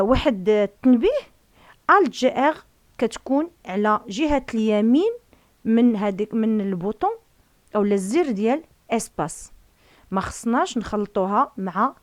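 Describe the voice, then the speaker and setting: A woman with a Moroccan Arabic accent teaching computer basics. She reads French lines slowly and deliberately, then explains them in quicker, chatty speech. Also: medium pitch, no room sound. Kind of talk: screen-share tutorial, reading French lines then explaining.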